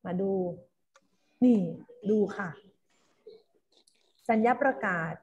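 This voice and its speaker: A woman's voice: medium pitch, extremely slow, darkish tone, husky. A woman teaching a primary class online, coaxing pupils to read along. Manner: coaxing, calls pupils "ลูก" and leads choral reading.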